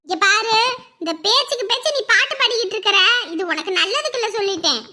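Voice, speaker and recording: [name], a woman playing a sharp-tongued village girl. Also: very high-pitched, lively intonation, quick pace, exaggerated voice. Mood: stern. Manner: scolding, curt. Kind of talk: web drama acting.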